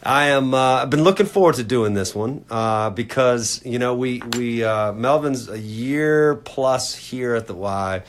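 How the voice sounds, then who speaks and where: A man's voice: medium pitch, unhurried, few pauses, a little hiss or hum. A man hosting a podcast interview in a studio, talking casually with many fillers and restarts. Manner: rambling, lots of fillers and restarts. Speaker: podcast host. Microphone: studio microphone.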